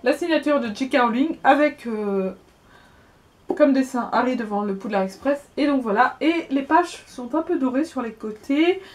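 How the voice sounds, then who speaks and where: A woman in her twenties with a high voice talks casually through a haul video. She is chatty and hesitant, often restarting and repeating words as she goes. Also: moderate pace. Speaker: book vlogger.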